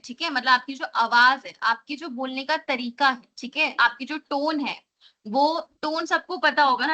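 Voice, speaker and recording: A woman teacher trainer lectures in a high, bright voice. She mixes Hindi and English, keeps checking in with "theek hai", and slows down to read definitions aloud. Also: poor audio. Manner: explains in Hindi mixed with English, repeats "theek hai" often; reads definitions slowly from a slide.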